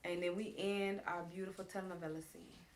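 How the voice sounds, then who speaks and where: A woman hosting a casual recap show, telling the story in an animated, frank way and acting out what people said. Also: fairly low pitch, fairly quick, slight background noise. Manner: animated storyteller, acts out quotes; frank, talks straight to viewers. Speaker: show host recapping a reality series.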